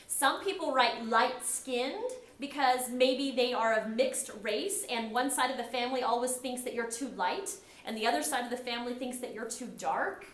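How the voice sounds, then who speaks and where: A middle-aged woman from the United States leads a class in a conversational tone, frequently acting out what others said. Her pitch is fairly high and her tone fairly bright, captured in an echoey room during a recorded lecture.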